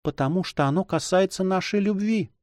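A man reading an audiobook, voicing an anxious, tender young woman who speaks softly and hesitantly. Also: sits high, fairly quick, dry recording, clean studio sound, pitched above the performer's own voice, lightly acted. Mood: fearful. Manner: soft, fearful and hesitant.

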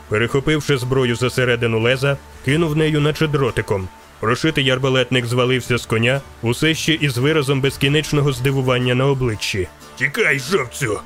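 Man, audiobook narration, dramatic storytelling, faint music underneath. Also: mid-range voice.

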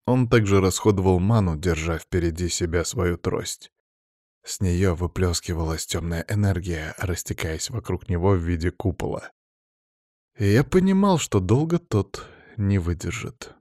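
A man narrating a fantasy audiobook in the first person with steady, measured storytelling. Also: sits low, dry recording, clean studio sound.

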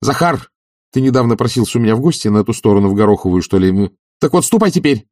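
A man's voice: medium pitch, big pitch swings, brisk, vocal fry, warm tone, breathy edge, no room sound, studio quality, pitched above the performer's own voice, full character voice. A man voicing an agitated, anxious idle nobleman who pleads and insists in an audiobook. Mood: urgent. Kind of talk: audiobook character reading.

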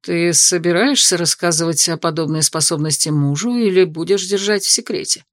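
Cocky elf healer man, low slow smug voice, dry close sound, as a woman reads him. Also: dry recording, natural voice. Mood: calm. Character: cocky male elf healer, a teasing dean. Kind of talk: audiobook character voice.

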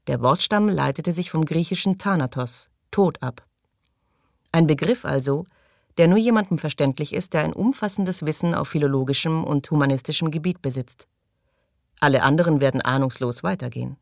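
A woman narrating an audiobook in calm, even storytelling, recorded close in a studio booth. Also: deep voice, moderate pace, vocal fry, no room sound. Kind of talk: scripted narration.

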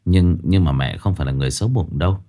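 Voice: sits low, big pitch swings, normal speed, warm tone. Storyteller doing a meek, stammering young husband. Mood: pleading. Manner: hesitant, placating, stammering. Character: meek young husband caught between mother and wife.

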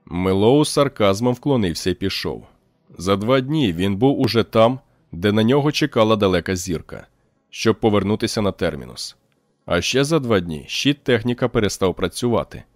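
Low-voiced man narrating an audiobook. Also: animated, normal speed, no room sound. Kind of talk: scripted narration.

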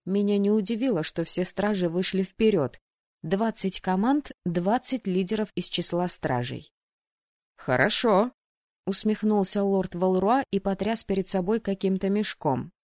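A woman narrating a fantasy audiobook in the first person, telling it in a lively, expressive way. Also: medium pitch, moderate pace, no room sound, clean studio sound. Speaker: audiobook reader.

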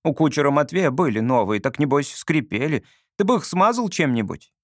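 A man voicing an eager, boastful little boy who chatters excitedly in a high childish voice. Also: fairly quick, no echo, studio quality.

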